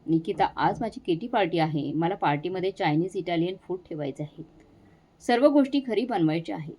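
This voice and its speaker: A woman's voice: on the low side, lively intonation, a little fast, dark tone. A woman voicing a bossy, condescending young wife who scolds her sister-in-law in a storybook reading.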